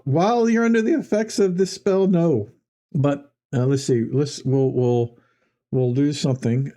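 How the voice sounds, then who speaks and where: A man's voice: mid-range voice, warm tone. A man running a tabletop game as game master, describing scenes in a loose, conversational way.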